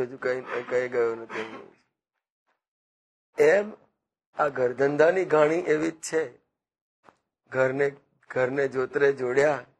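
Male spiritual speaker, husky, unhurried parable-telling sermon style. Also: medium pitch. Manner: slow, repetitive parables with quoted dialogue. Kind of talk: devotional discourse.

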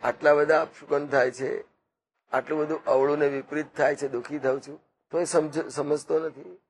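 A man giving a devotional discourse, teaching through slow, repetitive parables and acted-out quotes. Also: a little high, flat delivery, slight background noise. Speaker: spiritual speaker.

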